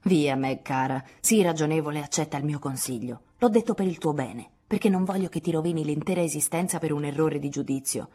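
An imperious old aunt, as a woman reader puts her on, sarcastic and lecturing. The voice sits low and sounds husky and breathy, scolding a young woman in an audiobook scene. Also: fairly quick, darkish tone. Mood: coaxing. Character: domineering, scornful wealthy old aunt. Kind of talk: audiobook dialogue reading.

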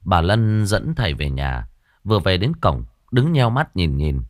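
A man narrating a ghost story audiobook in a dramatic, expressive way, close to the mic. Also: low voice, a little slow, dry recording.

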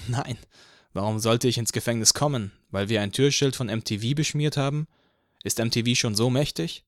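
A man's voice: mid-range voice, moderate pace, dry recording, clean studio sound, lightly acted. A man reading an audiobook voices a defiant young activist who answers in a firm, lightly mocking tone.

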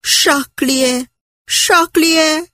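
A woman's voice: high voice, sharp tone, no room sound, clean studio sound, pitched above the performer's own voice, heavily acted. A woman voicing a fussy, timid, tearful middle-aged aunt who frets and scolds in a rush. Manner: flustered, fretting, fast.

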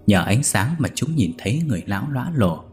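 A man narrating a scripted ghost story in a steady, even storytelling manner. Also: on the low side, brisk, soft background music.

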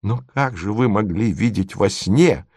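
A man's voice: lowish voice, expressive, a little slow, a little mellow, husky, no room sound, studio quality. Figure: a man doing an indignant domineering lady. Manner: pressing, exasperated questioning. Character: indignant domineering middle-aged lady, scheming.

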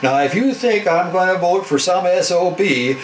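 A man's voice: high voice, normal speed, music in the background. A man with a Dutch German accent telling a folksy farm joke in a drawling, rural storyteller voice. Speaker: joke teller. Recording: roomy recording with background noise.

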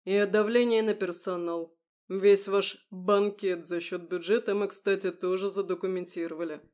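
A woman's voice: mid-range voice, steady tone, moderate pace, lightly acted. A woman reading a cool, precise male major. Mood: pressing. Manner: loud, clear and precise, coolly polite. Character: calm composed male security-service major.

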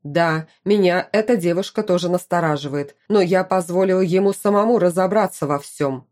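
A woman's voice: on the low side, moderate pace, darkish tone, natural voice. A woman voicing a stern, commanding middle-aged duke and father in an audiobook. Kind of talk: audiobook character reading.

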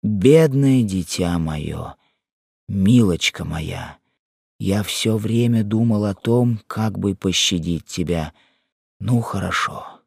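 A man reading a troubled young husband's lines in a low, slow, tender way. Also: gravelly, darkish tone, breathy edge, no echo, clean studio sound, heavily acted. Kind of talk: audiobook character reading.

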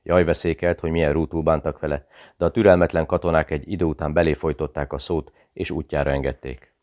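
A man narrating an audiobook thriller in a steady, measured reading. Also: rumbling low.

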